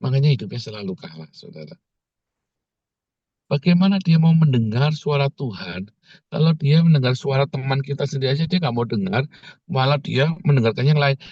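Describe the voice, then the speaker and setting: A pastor preaching a sermon, telling humorous stories and jumping high in pitch when he quotes others. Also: lively intonation, fairly quick, no room sound, muffled recording.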